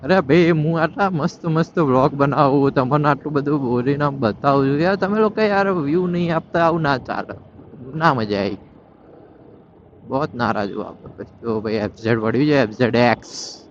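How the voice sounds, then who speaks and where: A man's voice: fairly high pitch, moderate pace. Guy riding a bike and chatting, grumbles at bad drivers, muffled lo-fi audio with faint traffic noise. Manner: chatty, scolding traffic offenders, mixing in Hindi phrases. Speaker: vlogger riding a motorbike. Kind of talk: casual running commentary while riding. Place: on a motorbike in city traffic outdoors.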